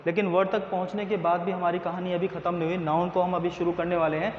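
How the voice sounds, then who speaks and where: Guy teaching grammar class, keeps asking the kids and answering himself, highish voice, long echoey reverb. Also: level tone. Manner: repeats questions to the students and answers them himself; slow, drawn-out pronunciation drills. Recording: echoey, dull room recording with faint noise.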